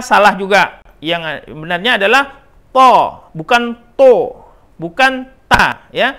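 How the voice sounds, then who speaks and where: Slow, patient man teaching Quran recitation. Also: high voice, creaky, pushed and bright. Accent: Indonesian. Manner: slow, drawn-out demonstrations of recited syllables, repeating right and wrong forms; frequent "nah" and "ya" checks with the learner. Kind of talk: Quran pronunciation lesson.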